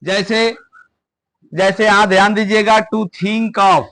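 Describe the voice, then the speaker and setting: A man teaching English grammar in a classroom lesson, slowly repeating phrases word by word. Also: sits high, fairly even intonation, a bit bright. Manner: slow, repeats words one at a time for stress.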